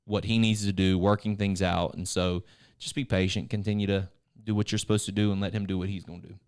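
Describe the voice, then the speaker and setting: A man talks in a relaxed church video chat. His voice is smooth and resonant, sitting a little low. He rambles, restarts his phrases, and steers toward encouragement. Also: fast. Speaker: church staff co-host.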